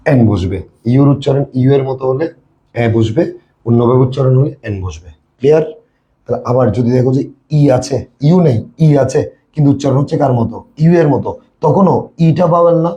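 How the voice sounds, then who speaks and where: Man, Bangladeshi accent, classroom teacher, warm dark voice, repetitive questioning. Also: mid-range voice, normal speed, lo-fi sound. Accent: Bangladeshi Bengali. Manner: repetitive, quizzing students with questions. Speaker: English tutor. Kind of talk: classroom lesson.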